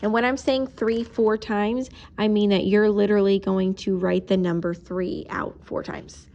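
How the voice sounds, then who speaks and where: Woman, teacher, patient, step-by-step, mid-pitched voice, recorded math lesson. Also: steady tone, a little slow, darkish tone, muffled recording. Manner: patient, explains step by step while writing.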